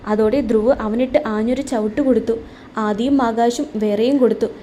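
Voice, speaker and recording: Woman narrating a romance story, soft-toned. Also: a little high, a little fast, slight background noise. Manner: steady, expressive reading.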